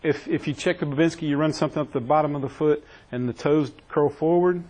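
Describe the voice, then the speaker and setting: A man's voice: a little high, fast, a little mellow, rough recording. A man teaching a classroom EMS training session, quizzing his trainees and joking with them. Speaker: EMS instructor.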